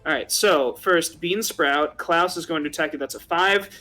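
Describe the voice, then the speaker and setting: Animated young man running a game. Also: a little high, moderate pace, faint music behind. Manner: animated, casual, lots of "like". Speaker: game master. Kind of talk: narrating a tabletop game.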